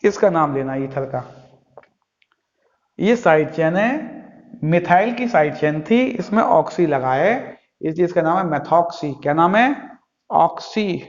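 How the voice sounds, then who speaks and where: A man's voice: on the high side, expressive, takes it slowly, long pauses. A male chemistry teacher giving a classroom lecture, asking his students questions and answering them himself in a patient, drilling way. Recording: echoey, dull lo-fi recording.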